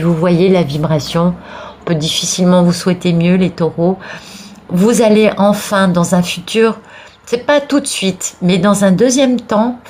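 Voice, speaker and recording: Her voice fairly low and a little mellow, a sneezing tarot reader with a cold encourages viewers as she reads their cards. Restarts and repeated words come up often.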